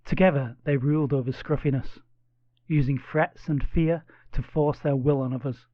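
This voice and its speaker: A man narrating a children's audiobook with expressive, playful storytelling. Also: mid-range voice, normal speed, no room sound, highs cut off.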